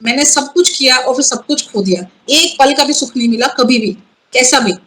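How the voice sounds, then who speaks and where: A woman guest telling a personal story in an interview, earnest and halting, often restarting her sentences and mixing in English words. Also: sits high, a bit bright, poor audio. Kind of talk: personal testimony in a conversational interview.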